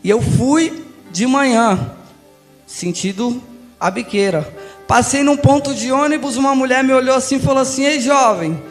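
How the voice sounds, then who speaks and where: A young Brazilian man giving an emotional church testimony, passionate and swinging between hushed and loud. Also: very high voice, moderate pace. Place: large church hall. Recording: reverberant church hall with music.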